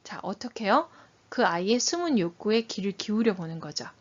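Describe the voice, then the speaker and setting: A woman's voice: mid-range voice, brisk, lo-fi sound. A woman giving an online parenting lecture, acting out short parent and child lines as examples. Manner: acts out parent and child quotes with lively shifts.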